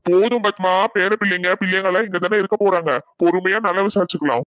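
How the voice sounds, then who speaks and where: A man voicing a calm, cautious grandfather in a cartoon, who gives steady advice to his family. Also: sits high, fast, no echo. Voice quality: calm, advising. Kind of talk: cartoon voice acting.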